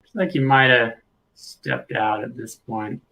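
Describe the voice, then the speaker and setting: A man with a bright, forward voice talks through footage as he reviews it. He thinks aloud in a casual, informal live-commentary style, with faint noise behind him. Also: mid-range voice, measured pace. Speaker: video host reviewing footage. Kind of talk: casual live commentary over video clips.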